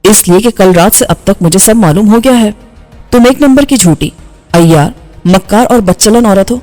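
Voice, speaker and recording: A bitter young engineer scolds in a harsh, accusing voice, as a woman reads him for an audiobook. The pitch sits in an even middle range, with faint music underneath. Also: lightly acted. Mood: angry. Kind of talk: audiobook dialogue reading.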